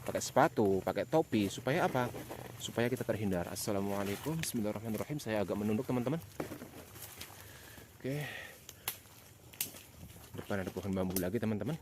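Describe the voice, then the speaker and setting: A man with a fairly low voice narrates a casual walking vlog at night. His manner is uneasy and pious. The outdoor recording carries clear noise, with animal and nature sounds around him. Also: lively intonation, fairly quick, long pauses. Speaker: host of a night exploration vlog. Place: outdoors in an overgrown plantation at night.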